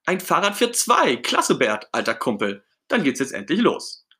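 A man's voice: a little high, wildly swooping pitch, moderate pace, pushed and bright, voice pushed up, full character voice. A man voicing Ernie, a cheerful, eager male puppet friend, in a storybook read-aloud. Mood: delighted.

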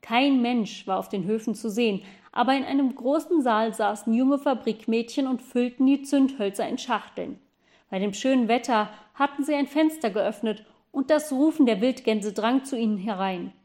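A woman reads a children's storybook aloud in a calm, steady way, her voice sitting a little high. She keeps an even storytelling pace from one sentence to the next. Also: normal speed. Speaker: narrator. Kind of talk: audiobook storytelling.

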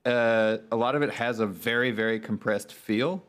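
A man with a fairly low voice hosts a relaxed conversation with a musician. He talks thoughtfully and appreciatively, and often repeats a word as he restarts a sentence. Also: moderate pace. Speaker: podcast host. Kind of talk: casual podcast chat.

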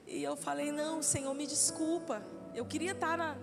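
A woman in her forties, a pastor, preaching a sermon with animated delivery that rises to loud calls to the congregation. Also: sits high, vocal fry. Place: church. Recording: church hall reverb with faint music.

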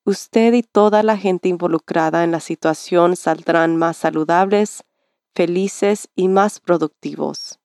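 A woman hosting a mindfulness series, speaking in a calm, soothing, measured way as she reads scripted self-help and guided meditation. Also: on the low side, no room sound, clean studio sound.

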